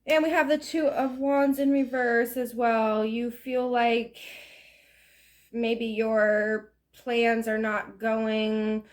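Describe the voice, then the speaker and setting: A woman's voice: fairly high pitch, flat delivery, slow. A woman giving a casual, rambling tarot reading in a chatty, self-deprecating way. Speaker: tarot reader.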